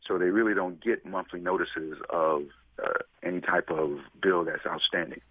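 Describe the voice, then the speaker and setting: Deep-voiced attorney on the phone. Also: male voice, fairly even intonation, husky, no room sound. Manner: measured, deliberate legal explanations. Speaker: consumer protection attorney. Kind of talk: radio talk show guest. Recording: tinny phone line.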